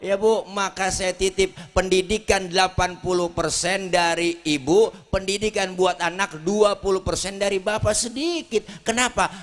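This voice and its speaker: A man with a Betawi Jakarta accent giving a lively sermon at a community gathering, joking and talking back to the crowd. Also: sits high. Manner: animated, jokey, talks back to the crowd. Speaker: preacher.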